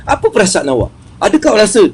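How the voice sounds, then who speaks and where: Lively chatty man giving a motivational talk. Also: sits high, rapid-fire, husky, poor audio. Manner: lively, chatty, repeats phrases for emphasis. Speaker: motivational speaker on wealth.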